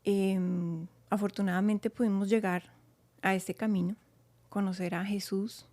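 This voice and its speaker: A woman speaks as a guest and shares her testimony in a mellow, darker voice. She is hesitant, pausing on fillers as she works through her words. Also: mid-range voice, fairly even intonation. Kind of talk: personal testimony.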